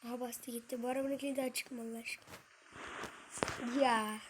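High-voiced woman muttering over a game. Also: little pitch movement, fairly quick, slight background noise. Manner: mutters and swears at the game, banters with viewers. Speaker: gaming streamer. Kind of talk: casual gameplay commentary.

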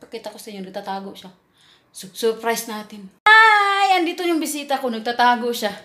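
High-voiced chatty woman vlogger. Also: fast, reverberant. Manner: chatty, laughing, teasing storyteller. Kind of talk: casual vlog talking to viewers. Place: home indoors.

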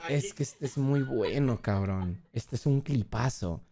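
A man's voice: mid-range voice, unhurried, a loud crowd. A young man, a streamer reacting to clips in casual commentary, blunt and mocking. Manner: animated, blunt, swears and mocks playfully.

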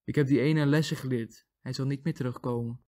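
A plucky little father wren who scolds fearlessly, as a man reading a fable puts him on. He speaks in an even middle register with a gently lifted storytelling tone. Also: medium pitch, a little fast, natural voice. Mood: satisfied. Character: small brave male wren father, scolding.

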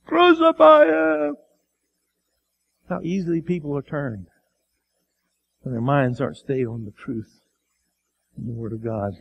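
A man with a Midwestern American accent preaching a sermon as pastor, acting out quoted voices and swinging between loud, raised lines and quiet, low ones. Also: gravelly, breathy edge. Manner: acts out the crowd and Pilate in quotes, sometimes shouting; drops to a quiet, low voice for emphasis.

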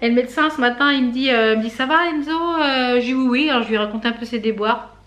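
Hoarse, breathless woman vlogging. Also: a little high, fast, fairly bright tone. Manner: chatty, full of fillers and hesitations. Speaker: beauty vlogger. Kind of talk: casual vlog chat to camera.

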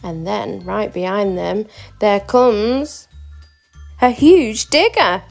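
Female storybook reader, slow rhythmic rhyme, creaky edges, soft music underneath. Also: medium pitch. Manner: rhythmic rhyming read-aloud. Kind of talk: reading a picture book aloud.

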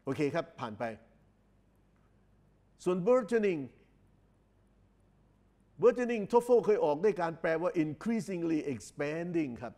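A man lectures, pitched a bit higher than most men. He explains at an unhurried pace, repeats phrases and stretches out English words for clarity. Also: expressive, mellow. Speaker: English exam tutor. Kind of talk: recorded lecture.

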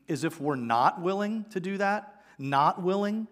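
A man in his forties, a pastor giving a conversational, animated sermon on a church stage with a headset mic. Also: sits high, takes it slowly. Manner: conversational, animated preaching with gestures. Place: church sanctuary stage, indoors.

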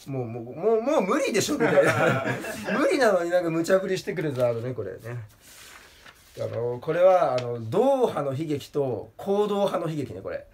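A man casually presenting joke pictures, laughing at his own gags and jumping into a strained high voice for punchlines. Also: moderate pace, a crowd in the background. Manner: laughs at his own jokes, lively pitch swings. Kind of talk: casual comedic talk with laughter.

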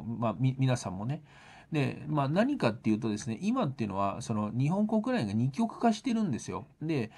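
Male solo radio host: low mellow voice, quick delivery, earnest, many fillers. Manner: hesitant, many fillers and restarts; earnest, speaking directly to listeners. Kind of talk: solo talk radio monologue.

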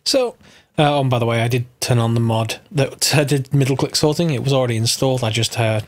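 Fast-talking at a medium pitch, a man with a cold-congested voice casually narrates a Minecraft mod tutorial. He thinks aloud and corrects himself as he moves along.

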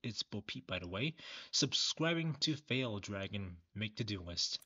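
A man's voice: on the low side, animated, a little slow, bright, forceful tone, slightly rough, highs cut off. A young man hosting a reaction video, making playful, laughing quips in casual commentary.

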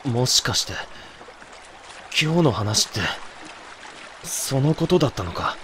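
A man acts out a young boyfriend in an ASMR audio drama. He speaks in casual, blunt words with a protective, regretful tenderness. The delivery is intimate, like pillow talk, at a middling male pitch. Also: big pitch swings, measured pace, pushed and bright, a little hiss or hum. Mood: desperate, pleading.

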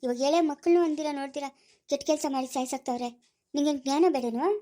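A woman with a Chikkaballapura Kannada accent, loudly scolding in a rural family skit. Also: high-pitched, rapid-fire. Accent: Kannada, Chikkaballapura area. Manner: loud scolding village dialect.

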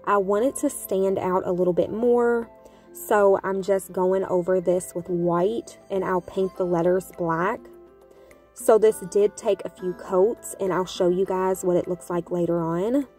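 In a voice-over set to soft background music, a woman home vlogger chats to her viewers in a friendly, upbeat way, calling them "you guys." Her voice is lowish and a little slow, with fairly even intonation.

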